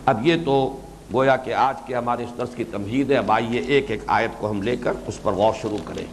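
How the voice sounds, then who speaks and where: An older man giving a religious lecture as a Quran teacher, explaining points emphatically and reciting verses slowly. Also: mid-range voice, slight background noise.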